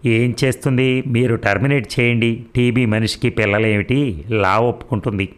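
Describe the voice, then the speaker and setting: A man voicing a short-tempered older male doctor who talks bluntly and loudly, scolding everyone around him. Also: mid-range voice, fairly even intonation, moderate pace, smooth, lightly acted.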